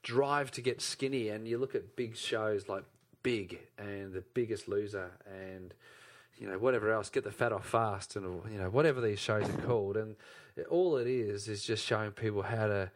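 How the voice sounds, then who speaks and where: A man's voice: fairly low pitch, fairly even intonation, moderate pace. A man co-hosting a casual health podcast, emphatic and repeating his key points. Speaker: podcast co-host.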